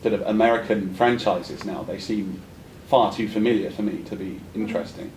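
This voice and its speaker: Speaking at an ordinary speed with a steady, somewhat dark tone, this audience member asks a scholarly question at a conference. His manner is courteous, tentative and roundabout, and the recording carries room echo and a low rumble.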